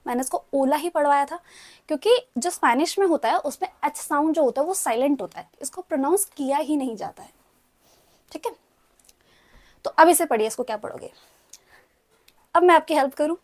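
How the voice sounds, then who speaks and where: A young Indian woman with an Indian accent, teaching a casual online language lesson, chatty and mixing Hindi with English as she coaxes students to repeat words. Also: high voice.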